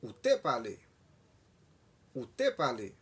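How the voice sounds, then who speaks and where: A man teaching a language lesson, saying each phrase twice, slowly and deliberately. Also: mid-range voice, huge pitch swings, slightly rough. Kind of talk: slow bilingual language lesson.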